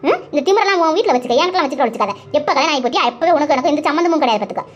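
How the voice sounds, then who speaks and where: A woman voicing a sharp-tongued village woman. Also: sits high, animated, lo-fi sound. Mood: scolding. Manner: scolding, rapid-fire taunts. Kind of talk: cartoon voice acting.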